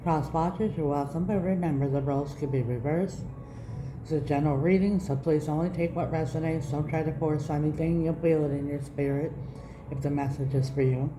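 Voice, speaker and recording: A woman giving an unhurried, earnest spiritual card reading to online viewers, her speech slightly slurred and slushy as she recovers from mouth surgery. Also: low-pitched, fairly even intonation, music in the background. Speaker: tarot reader, channel host. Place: indoors in an echoey room. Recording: roomy echo, background noise.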